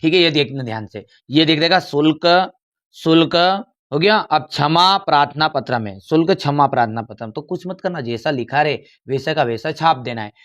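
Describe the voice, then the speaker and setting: A man's voice: on the high side, animated, normal speed, fairly bright tone. A man teaching an exam-prep lesson, coaxing his students, repeating phrases and calling them "beta". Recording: dull lo-fi recording.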